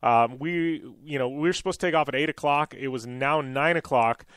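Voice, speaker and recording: A male radio show host telling a long anecdote in a casual, animated way with plenty of fillers. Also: mid-range voice, normal speed, smooth, no room sound, studio quality. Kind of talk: casual storytelling monologue.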